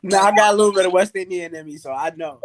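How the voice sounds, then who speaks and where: A woman from Brooklyn chatting on a podcast, telling animated stories and laughing often. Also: fairly low pitch, quick pace. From Brooklyn, New York. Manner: animated storyteller, laughs and plays voices. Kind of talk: casual chat. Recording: noisy recording.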